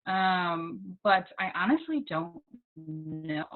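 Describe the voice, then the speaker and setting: A young American woman working as a guest English teaching assistant chats casually with students, her speech full of ums and likes. Her voice is on the low side and animated, and she takes her time, over tinny, phone-like video call audio.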